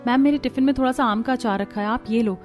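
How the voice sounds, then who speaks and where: A woman voicing a helpful young female coworker in an animated cartoon, speaking politely and urgently. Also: on the high side, fast talker, soft background music, lightly acted. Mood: anxious.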